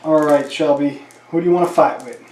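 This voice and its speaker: A man plays a tabletop wargame, counting dice aloud and chatting casually with viewers in a play-by-play of the battle. His fairly high, slightly mellow voice is steady and fairly quick. The room is echoey, with slight background noise.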